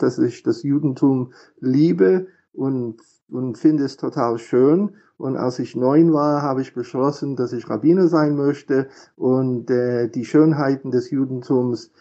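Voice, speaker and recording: A middle-aged rabbi from Philadelphia, a native English speaker with an American accent, appears as a guest answering interview questions. He responds hesitantly, with many fillers and restarts, in a mid-range, warm voice, and the recording's highs are cut off.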